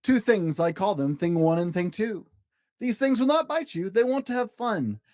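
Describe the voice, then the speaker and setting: Man as the Cat in the Hat, animated trickster. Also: high-pitched, moderate pace, no echo, studio quality, pitched above the performer's own voice. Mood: showy, excited. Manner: cheerful, coaxing, showy. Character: breezy, mischievous, reassuring storybook cat showman. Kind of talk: children's storybook character voice.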